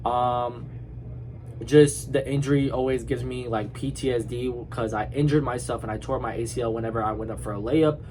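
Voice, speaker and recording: A man's voice: mid-range voice, fairly even intonation, moderate pace, a little mellow, slight background noise, low-quality recording. A young man from Iraq, a student giving an informal, rambling class presentation about himself with frequent fillers and restarts. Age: young adult. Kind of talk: casual spoken class presentation.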